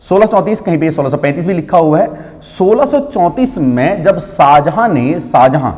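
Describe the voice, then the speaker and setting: A man teaching an online exam-prep class, answering students' doubts in an explanatory way and often checking that the point is clear. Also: fairly high pitch, expressive, normal speed, darkish tone, big-room sound. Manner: explanatory, repeats "ठीक है" often.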